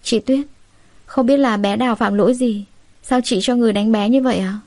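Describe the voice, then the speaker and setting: A woman's voice: on the high side, fairly even intonation, fairly quick, darkish tone, no room sound, lightly acted. A woman voicing a wronged young bride who speaks politely but with indignation.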